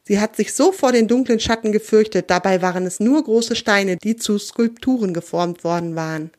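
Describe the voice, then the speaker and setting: A woman reading a children's story aloud in a gentle, expressive way. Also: medium pitch, moderate pace.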